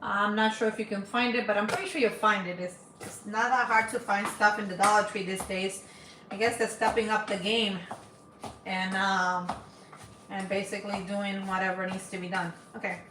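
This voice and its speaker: A chatty cooking channel host, a woman in her forties from the Dominican Republic, talks to viewers while cooking on a casual live stream from her home kitchen. Her voice is medium-pitched and steady, at a moderate pace, in a reverberant space with background noise.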